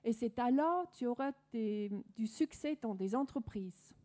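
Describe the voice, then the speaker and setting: A woman's voice: a little high, lively intonation, a little slow, a little mellow. A woman from Denmark with a Danish accent, earnestly telling her personal faith story with many restarts. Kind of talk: personal testimony.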